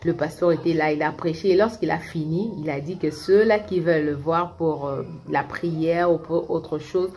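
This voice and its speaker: A woman's voice: low voice, normal speed, hardly any pauses, warm tone, a little hiss or hum. A middle-aged woman from Kinshasa, a vlogger chatting through a personal story and talking straight to her viewers, often restarting her sentences. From Congo (Kinshasa). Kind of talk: casual storytime monologue.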